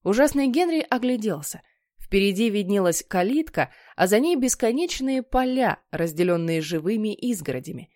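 A woman narrating a children's story in a lively, playful way. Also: medium pitch, normal speed, dry recording, studio quality. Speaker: audiobook reader.

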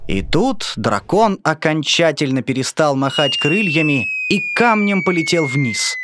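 A narrator reading a children's story aloud in an expressive, sing-song way. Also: mid-range voice, a little slow, very noisy.

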